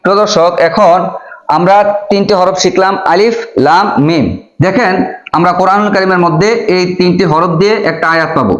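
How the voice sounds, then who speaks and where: A man with a fairly high voice teaches a careful, step-by-step lesson on Arabic letters, repeating each sound slowly. The room is echoey and the recording is a bit dull. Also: fairly even intonation, fairly bright tone. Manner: patient, drawing out letter sounds again and again. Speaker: Quran teacher.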